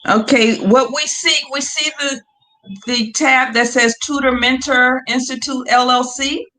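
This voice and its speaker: Hosting a laid-back webinar over video call, a woman talks her guest through sharing a screen with patience, encouragement, and some hesitancy. She is high-pitched and sharp-toned, speaking unhurriedly with fairly even intonation, and the recording is rough.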